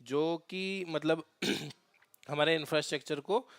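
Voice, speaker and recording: On a screen share, a male DevOps instructor talks through a cloud tutorial, halting on fillers and frequently starting his sentences over. His fairly high voice is smooth, resonant and fairly bright, with a fairly even intonation. The audio is close and dry, with no echo.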